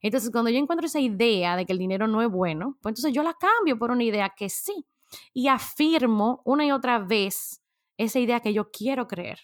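Woman, raised pitch; casual, lively motivational coach speaking to camera. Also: brisk. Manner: lively, chatty, laughs often, addresses the audience directly.

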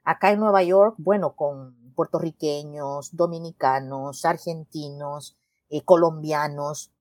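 A middle-aged woman from El Salvador chats as an interview guest. Her voice sits low and the sound is dry and close. She talks thoughtfully, backing up to rephrase and checking in with the listener. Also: steady tone, a little slow, a little mellow, dry recording. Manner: thoughtful, with frequent restarts and "¿no?" tags. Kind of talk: casual interview conversation.

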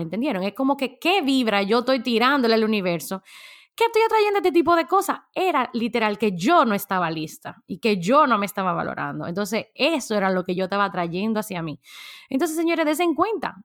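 A woman gives a casual motivational talk, her voice sitting a little on the high side. She chats straight to her listeners and laughs easily. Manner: chatty, addresses listeners directly, laughs easily. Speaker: self-help speaker.

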